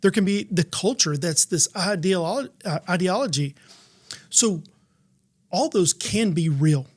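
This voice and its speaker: A man's voice: sits high, lively intonation, measured pace, husky. A man co-hosting a faith-based leadership podcast, speaking in an earnest, preacherly way and citing scripture. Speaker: podcast co-host.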